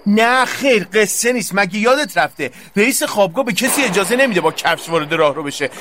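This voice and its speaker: A man's voice: high-pitched, a little hiss or hum. An actor playing a jittery, easily panicked young male student who stammers when scared. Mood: nervous. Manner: stammering, excitable.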